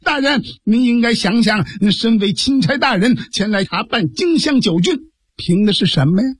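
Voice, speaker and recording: A shrewd, fretful sworn brother from an old storytelling tale, acted by a male storyteller, voice pitched up high and pressing hard. His words come quick and insistent, earnest and pleading, the sound husky and close and dry. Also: animated, dry recording. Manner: raised, rapid, insistent pleading.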